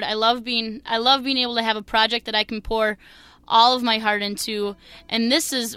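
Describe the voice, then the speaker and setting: A young woman from Minnesota with a Minnesotan accent, answering interview questions as a new teacher, energetic and earnest. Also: fairly high pitch, smooth, no echo.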